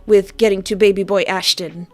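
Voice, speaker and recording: Her pitch is medium and her intonation fairly even, delivered at normal speed. She's a game developer hosting a livestream, chatting informally and warmly with viewers and reacting aloud to their messages while gentle music plays in the background.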